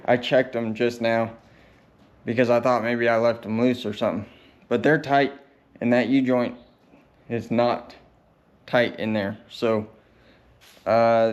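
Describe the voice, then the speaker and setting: A man talking casually and plainly as a DIY mechanic showing his work, unscripted and laid-back. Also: medium pitch. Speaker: DIY truck mechanic vlogger and welder. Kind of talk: casual, unscripted vlog talk.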